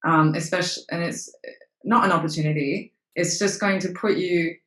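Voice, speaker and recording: With a voice on the low side, fairly even intonation, a moderate pace and a slightly bright tone, this young Australian actress and model answers interview questions candidly. She swears casually and uses many fillers, and the room adds a noticeable echo.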